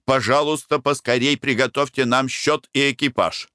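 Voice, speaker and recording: A man voicing a panicky middle-aged husband abroad, fretful and hurried, in a storybook reading. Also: mid-range voice, fairly even intonation, bright, forceful tone, clear, resonant tone, dry recording, clean studio sound, voice pushed up, lightly acted. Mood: anxious, hurried.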